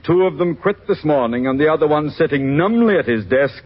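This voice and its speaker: A pompous older bank president in 1950s radio comedy, blusters in slow, swooping exasperation. His pitch sits a touch high and leaps around. The recording is dull and muffled like an old broadcast. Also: expressive. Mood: exasperated.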